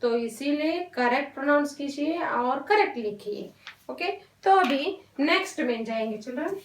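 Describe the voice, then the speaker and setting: A woman teaching a Hindi lesson to young children, talking slowly and patiently, drawing out syllables and mixing in English words. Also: high voice, animated, far from the mic, a little hiss or hum. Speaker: primary school Hindi teacher. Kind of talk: online classroom lesson. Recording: roomy echo, voice off-mic.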